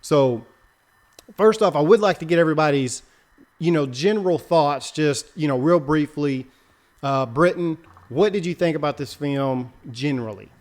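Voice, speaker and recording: A man's voice: a little high, normal speed, a little mellow. A man hosting a casual podcast, introducing guests in a loose, jokey way with plenty of fillers. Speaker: podcast host.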